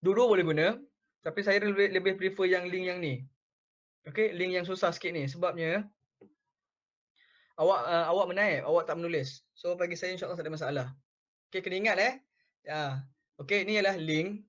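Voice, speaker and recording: A young man teaching a relaxed language class, explaining phrase by phrase and repeating words slowly. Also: high-pitched, dull audio. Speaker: Mandarin language tutor.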